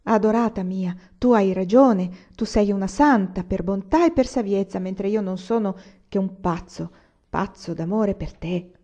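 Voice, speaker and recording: A woman's voice: mid-range voice, measured pace, dark tone, natural voice. A woman reading the lines of an impetuous young man in love in an audiobook, heated and raised, on a dull lo-fi recording. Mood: passionate.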